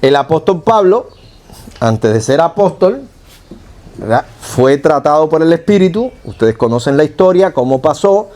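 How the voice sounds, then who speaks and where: A man with a Cuban accent delivers a sermon to his congregation in a fairly high voice. He teaches in a conversational way, tosses in rhetorical questions and stops to correct his own wording. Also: very animated, normal speed, a little mellow. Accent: Cuban Spanish. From Cuba. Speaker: pastor.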